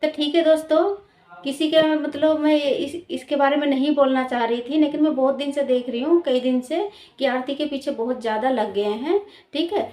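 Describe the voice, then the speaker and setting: A woman vlogger talks straight to camera in an admonishing tone, repeating her points and checking in with tag questions. Her voice sits a little high for a woman. The recording carries a roomy echo off the walls. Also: normal speed, darkish tone. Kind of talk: direct-to-camera opinion vlog. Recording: roomy echoey room.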